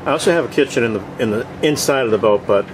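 On the open deck of a boat on the water, the host of a cooking vlog gives a casual video tour on a handheld camera. He talks in short, halting, plainspoken phrases with a mid-range voice, and outdoor ambient noise surrounds him.

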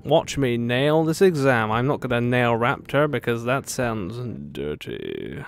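Over game music, a man with a mid-range, resonant voice comments on his playthrough, sing-song, unhurried and creaky yet clear, with no room sound. His casual commentary mixes playful, sardonic asides with snatches of sing-song babble.

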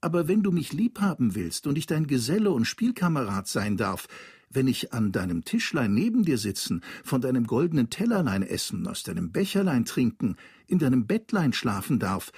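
A man's voice: medium pitch, big pitch swings, moderate pace, a little mellow, breathy edge, no room sound, clean studio sound. A man reading a fairy tale aloud, voicing an ugly frog in a well who bargains in a coaxing, wheedling way.

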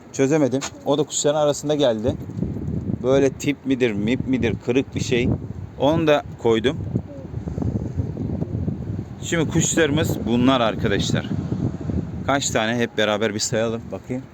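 Man chatting outdoors at his pigeon loft. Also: mid-range voice. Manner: chatty, calls out to birds in repeated commands. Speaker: pigeon keeper vlogger. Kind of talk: casual vlog talk to viewers. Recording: faint outdoor noise. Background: birds and city sounds.

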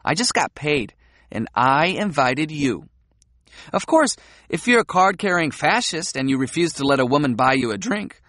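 A man's voice: a little high, normal speed, no room sound, studio quality. A man reading an audiobook, voicing a frank, playful young woman who teases and provokes. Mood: blunt. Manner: teasing, provocative, animated.

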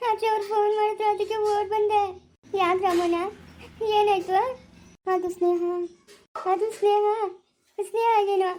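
A woman's voice: very high-pitched, little pitch movement, moderate pace, pauses often, mellow, a little hiss or hum. A woman playing a young woman who pleads, tearful and anxious, for news of her ailing brother, with a rural Chikkaballapura Kannada accent. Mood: tearful pleading. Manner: pleading, tearful, repeating a name. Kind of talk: village family drama acting.

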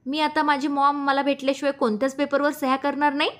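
A woman's voice: high-pitched, level tone, fast, a bit bright, voice pushed up. A woman reading a story aloud, voicing a stubborn, childlike young man who sulks and complains. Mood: sulky. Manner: sulky and complaining. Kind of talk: audiobook character voice.

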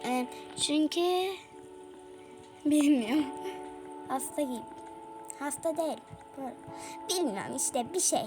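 High-pitched chatty gamer woman. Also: lively intonation, takes it slowly, pauses often, over music. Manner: chatty, exclaiming, talks to viewers. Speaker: gaming YouTuber. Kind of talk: casual let's-play commentary.

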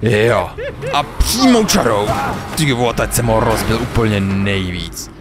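Animated swearing gamer man. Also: fairly low pitch, over music. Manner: animated, swearing, laughing a lot. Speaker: gamer, let's play host. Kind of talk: let's play commentary.

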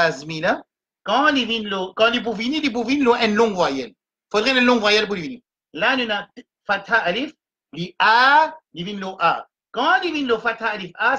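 Bright-voiced man teaching slow Quran reading. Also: high voice, expressive, poor audio. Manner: spells out letters and vowel marks, then blends them slowly. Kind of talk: slow letter-by-letter reading lesson. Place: home, livestream.

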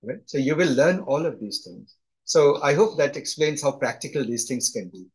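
In a conversational live online lecture on a video call, a middle-aged instructor with a thick Indian accent often tags his sentences with "right?". He speaks at medium pitch, animated and husky, at a moderate pace.

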